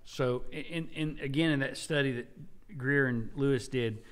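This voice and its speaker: A man's voice: mid-range voice, a little slow. A man in his forties, a pastor hosting a church talk show, speaking earnestly at a desk mic in a small indoor studio. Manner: earnest, animated gestures, frequent affirming yeahs. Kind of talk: conversational church podcast. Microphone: desk mic on a stand.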